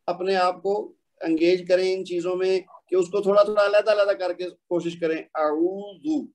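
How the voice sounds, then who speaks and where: A man teaching an online Quran recitation class, patiently explaining pronunciation and slowly demonstrating stretched syllables over a video call. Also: sits high, flat delivery, a little mellow. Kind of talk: online tajweed class instruction.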